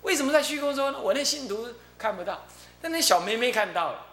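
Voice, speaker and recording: A man's voice: very high voice, expressive, quick pace, fairly bright tone. A male abbot from Taiwan, telling a story in a Buddhist dharma talk and acting out its characters. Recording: echoey room, faint hum.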